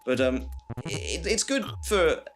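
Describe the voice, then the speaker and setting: A man's voice: fairly high pitch, very animated, takes it slowly, faint music behind. A man giving dry, wry commentary while playing a game, with lots of fillers. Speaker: let's play player and host. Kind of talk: casual gaming commentary.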